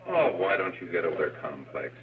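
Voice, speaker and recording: A brash, wisecracking young man talks in a very deep voice. The old soundtrack is dull and roomy. Faint music plays under him. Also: big pitch swings, fairly quick, noisy background. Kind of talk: 1930s film acting.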